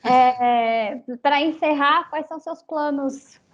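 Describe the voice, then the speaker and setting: High-voiced woman interviewer, lo-fi sound. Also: slow. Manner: checks in with short "né?" tags. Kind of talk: interview questions. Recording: dull lo-fi audio.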